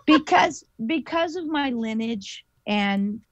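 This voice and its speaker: A woman, a guest paranormal investigator, telling a story in an animated, chatty way with lots of fillers. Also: a little high, slow pace, a little hiss or hum. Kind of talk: casual storytelling interview. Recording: dull lo-fi dry audio.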